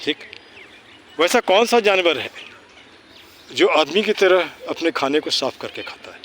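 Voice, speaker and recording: A man teaching school students outdoors, lecturing and firing rhetorical questions. He slows down and speaks deliberately whenever he switches into English. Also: a little high, sing-song, a bit bright, slight background noise. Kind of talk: informal lecture with quiz questions. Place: outdoors in a park.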